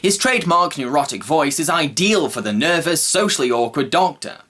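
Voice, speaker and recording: A man's voice: a little high, expressive, normal speed, pushed and bright. A man narrating a scripted film review. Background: faint background music.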